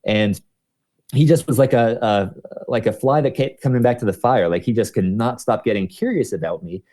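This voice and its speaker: A man's voice: mid-range voice, normal speed, warm tone. A man telling personal stories in a rambling, casual way, full of fillers and restarts. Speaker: speaker in a live audio discussion.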